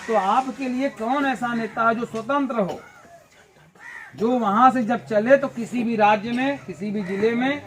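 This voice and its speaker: A man's voice: very high-pitched, a little slow, a bit bright, slight background noise. A man giving an outdoor village meeting speech as a party organizer, full of rhetorical questions and folksy analogies.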